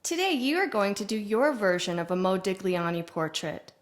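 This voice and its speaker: A woman teaching an art lesson to young children on video, playful and clear with sing-song greetings. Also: medium pitch, moderate pace.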